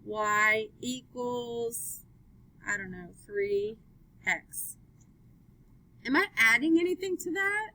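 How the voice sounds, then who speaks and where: A woman's voice: on the high side, animated, slow, pauses often, sharp tone, low-quality recording. A woman teaching a math class, upbeat, asking students question after question as she works through graphs. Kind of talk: live classroom lesson.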